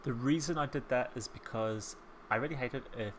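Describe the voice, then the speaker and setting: A man in his thirties, whose soft New Zealand accent has been softened by years in England, does a casual voice-over while building a home in a life-sim game as a Sims speed-build creator. He's chatty, rambling, and self-deprecating, full of ums and small laughs. His mid-range voice is brisk, with a little hiss or hum.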